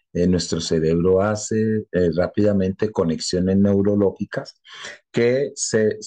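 A man teaching a lesson, explaining at a measured pace with frequent filler sounds and tag questions. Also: low-pitched, dark tone. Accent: Colombian Spanish. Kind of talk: classroom explanation.

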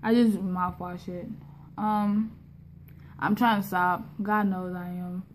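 A woman's voice: medium pitch, flat delivery, slow pace. A young woman vlogging casually with plenty of swearing, her speech slightly impeded and lisping from a new tongue piercing. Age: young adult. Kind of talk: casual, profane vlog chat. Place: indoors in a kitchen. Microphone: phone at arm's length. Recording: clear background room noise on phone recording.

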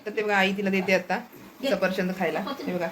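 A woman's voice: mid-range voice, flat delivery, a little fast, crowd noise. A woman chatting to her viewers in a casual home vlog, filmed on a phone at home. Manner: chatty, addresses viewers as friends. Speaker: family vlogger.

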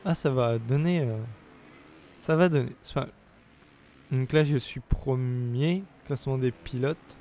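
Speaking at a measured pace in a dark, mid-range voice, a young man with a sore throat comments on the game he's playing. He's chatty yet hesitant, breaking into playful cheers, with slight noise in the background.

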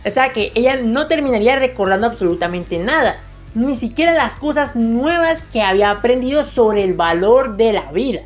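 A woman's voice: fairly high pitch, animated, normal speed. A woman narrating casual anime commentary in a slangy, jokey way with crude humor. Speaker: anime video essayist. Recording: faint music under the voice.

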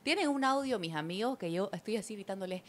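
A woman's voice: mid-range voice, quick pace, a little hiss or hum. A woman co-hosting a casual chat, blunt and cursing freely as she tells a story. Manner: lively, blunt, swears freely. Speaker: panel co-host.

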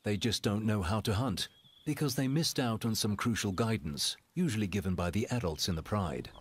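A man with a low voice narrates a wildlife documentary. His delivery is measured and dramatic, with deliberate pauses and very varied intonation. Wild ambience and animal sounds are clearly audible behind him. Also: animated, a little hiss or hum.

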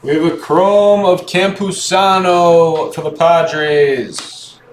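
A man speaking slowly and evenly as he hosts a live card break, naming cards and answering viewers. His voice sits a little higher than most men's. It sounds echoey, with a faint hiss in the background. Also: steady tone. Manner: slow, low-key calling of cards while chatting to viewers. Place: indoor room with card boxes on a table.

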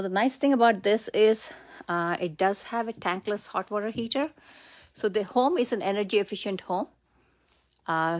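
Middle aged lady realtor doing a casual walk thru house tour, lowish voice, talks everything up. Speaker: real estate agent giving a home tour. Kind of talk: casual, unscripted walk-through tour narration. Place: indoors, walking through a house. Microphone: handheld phone.

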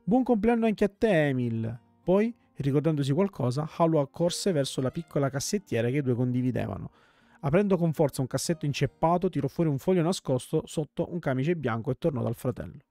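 A man reading a game's story text aloud as a let's play host, calm storytelling with small slips and restarts. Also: on the high side, brisk, dry recording, faint music behind.

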